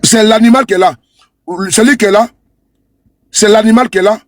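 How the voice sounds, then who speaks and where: A man's voice: high-pitched, fairly even intonation, fairly quick. A man commenting to camera while scrolling through a page. He talks in a repetitive, scornful way and keeps asking his viewers if they see. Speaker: online commentator.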